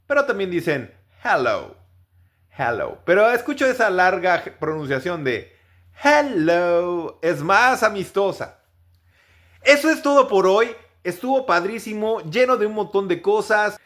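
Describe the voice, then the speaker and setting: A man teaching English pronunciation, repeating each example word slowly several times. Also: high voice. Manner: upbeat, animated sign-off. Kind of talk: pronunciation lesson.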